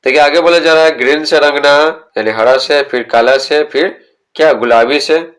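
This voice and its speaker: Male teacher explaining a textbook, reads English lines slowly, asks and answers his own questions. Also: fairly high pitch, fairly bright tone. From India. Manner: slow, deliberate reading of English sentences, then explaining them; asks the students questions and answers them himself.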